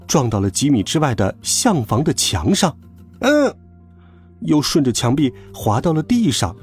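A man narrating a children's story with a lively, expressive reading. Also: fairly high pitch, husky.

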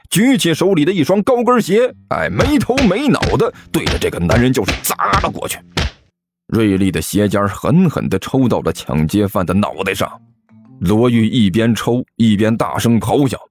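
A male storyteller reading an audiobook with a mid-range voice that moves animatedly up and down. Light background music sits under the narration. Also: medium pitch. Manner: lively, expressive storytelling.

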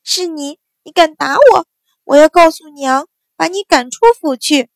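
A woman voicing a spoiled, bratty young girl who shouts and whines in a shrill, tearful voice. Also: lively intonation, moderate pace, dry recording. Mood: wailing. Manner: shrill crying tantrum voice.

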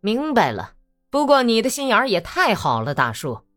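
A woman voicing an angry, hot-tempered young male Cossack who sneers and shouts threats. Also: a little high, huge pitch swings, moderate pace, soft background music, voice pushed up. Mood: sneering.

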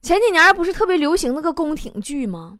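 A young woman hosts a comic monologue, wry and self-mocking. Her voice is high and swoops a lot. The recording carries heavy background noise. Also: big pitch swings, fast talker. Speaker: host.

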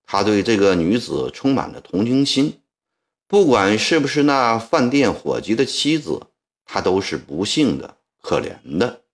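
A male storyteller narrating a historical tale with expressive, dramatic delivery. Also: fairly low pitch, a little slow.

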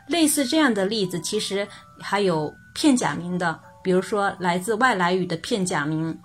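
Patient woman teaching pronunciation. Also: medium pitch. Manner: patient, repeats example words slowly for practice. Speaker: language teacher. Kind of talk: explaining Japanese pitch accent.

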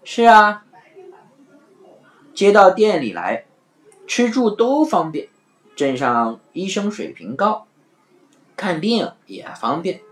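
This is a sly, playful trickster man from a children's storybook, calling out loud and bright. His voice leaps high above a plain speaking voice and swings widely up and down. A woman reading the story acts him out. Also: sing-song, slow, pauses often, full character voice. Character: clever witty trickster man, teasing.

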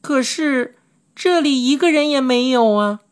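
A woman voicing a frightened, whiny young girl in a storybook reading, with a high pleading tone. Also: unhurried. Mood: uneasy. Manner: pleading, high childlike whine.

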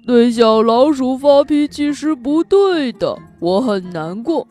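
A woman's voice: high-pitched, lively intonation, slow, soft background music, voice pushed up. A woman voicing an anxious little male gnome who swings from tearful to eager in a children's storybook. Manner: loud, emphatic, fretful. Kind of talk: storybook read-aloud for children.

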